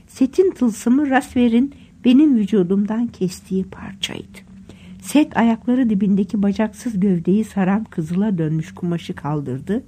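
A woman narrates a dark audiobook tale in the first person, telling it with vivid, dramatic storytelling. Her voice sits fairly high but sounds mellow and warm. It carries a soft husky breathiness throughout.

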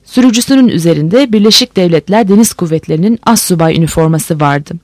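An audiobook narrator reading a novel in a steady storytelling manner. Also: medium pitch, fast, no room sound. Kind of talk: scripted narration. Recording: dry close recording.

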